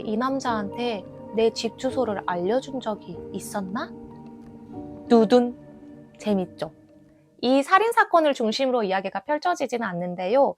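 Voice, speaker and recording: A woman chatting about books, her voice sitting a little high for a woman. She retells plots with suspenseful flair, throwing questions at the listener. The sound is dry and close, with faint music underneath. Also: no echo. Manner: dramatic storytelling with rhetorical questions. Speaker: book reviewer. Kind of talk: casual book review chat.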